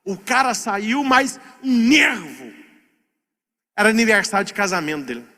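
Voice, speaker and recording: A man's voice: sits high, moderate pace. A man preaching a sermon, telling a comic story and acting out the scenes, recorded in an echoey hall. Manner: animated, comic, acts out scenes.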